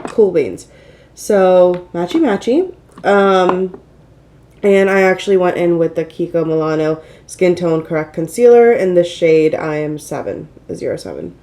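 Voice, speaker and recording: Hosting her beauty channel's get-ready-with-me makeup vlog, a woman chats casually and pokes fun at herself. Mildly congested from a cold, she sounds slightly nasal, with a lowish, dark voice, lively intonation and an unhurried pace.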